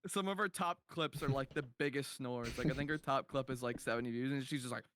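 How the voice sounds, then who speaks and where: A man's voice: mid-range voice, a little fast, fairly bright tone, no echo, studio quality. A man hosting a casual podcast chat, laughing often as he tells loose, rambling stories. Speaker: podcast host.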